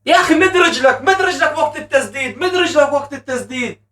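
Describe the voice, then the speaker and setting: A man hosting a live football match reaction, shouting and chanting at the goals. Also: very high-pitched, fast talker, distant mic. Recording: echoey room, voice a bit off mic.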